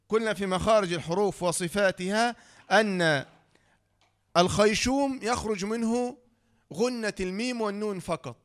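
A man with an Egyptian accent teaching a tajweed lesson, who asks the class questions, answers them himself, and slowly draws out the example sounds. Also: high voice. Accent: Egyptian Arabic. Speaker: Quran recitation teacher.

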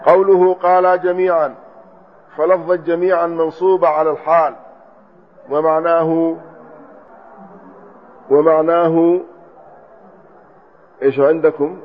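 A man's voice: fairly high pitch, little pitch movement, a little slow, long pauses. A man giving a classroom lecture as a religious teacher, methodically explaining a text, spelling out word forms and repeating points as he goes. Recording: dull lo-fi recording.

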